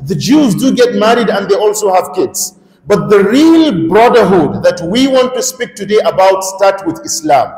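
A man's voice: high voice, very animated, normal speed, a little mellow, faint music behind. Man, middle-aged, from Nigeria, mosque lecture, emphatic, quizzes listeners, roomy echo. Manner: interactive, questions the audience, emphatic rising calls. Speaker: Islamic lecturer. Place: large mosque hall, indoors. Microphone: stand microphone. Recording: echoey mosque hall reverb.

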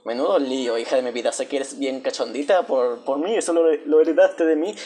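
A man's voice: medium pitch, brisk, dark tone, natural voice. A man doing a teasing sick old father. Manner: scolding, joking, calls her dear.

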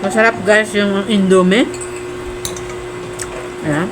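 Loud music plays behind this Filipino woman's medium-pitched, slow-paced voice as she hosts a casual food vlog. She talks between bites, savoring with hums, in a noisy room where dishes clatter.

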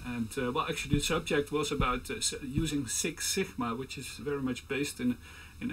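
A man's voice: medium pitch, a bit bright, a little hiss or hum. A man in his fifties giving a recorded slide presentation as a university lecturer, talking hesitantly with many fillers and restarts, on a headset mic indoors. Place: indoor room.

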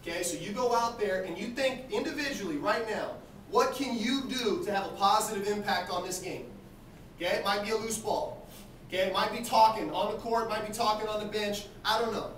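A man with a notably high voice gives a pre-game team talk as a coach. He exhorts in short phrases, checking in with brief questions. The sound is echoey and picked up from across the room, with faint noise. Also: fairly quick, a bit bright. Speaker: basketball coach. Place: small team locker room. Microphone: camera across the room. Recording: roomy, distant camera mic, faint noise.

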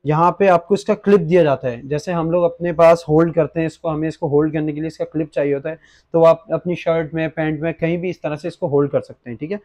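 A young man with a Pakistani accent unboxes a product for an online gadget shop, explaining as he goes and mixing in English words. His fairly high voice is steady, fast and dark in tone. He sits at a desk in a small indoor shop studio.

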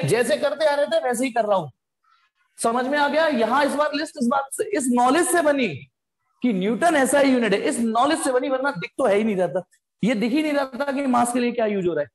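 A man teaching a live online physics class in speech, chatty, calling students "beta" and throwing in slangy asides. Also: very high-pitched. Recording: echoey room with long reverb.

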